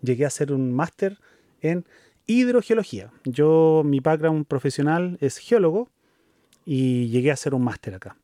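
A Chilean man in his thirties co-hosting a casual conversation, speaking thoughtfully with pauses and fillers. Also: fairly high pitch, expressive, warm tone, dry recording, studio quality. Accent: Chilean Spanish. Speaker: co-host.

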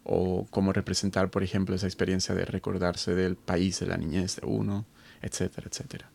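Interview guest from Colombia, thirties, deep and gravelly, reflective, restarts often. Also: male voice, flat delivery, fairly quick, darkish tone. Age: 30s. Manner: thoughtful, many fillers and restarts. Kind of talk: conversational interview.

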